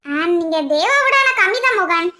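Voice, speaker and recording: A woman's voice: very high voice, lively intonation, moderate pace, pushed and bright, exaggerated voice. A woman voicing a bold young college student from a village in a cartoon, speaking bluntly and with self-assurance. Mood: cheeky.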